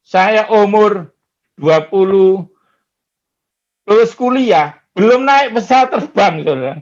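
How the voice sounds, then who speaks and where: A man preaching a sermon in an animated storytelling way, often calling out to his listeners. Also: high-pitched, slow, muffled recording.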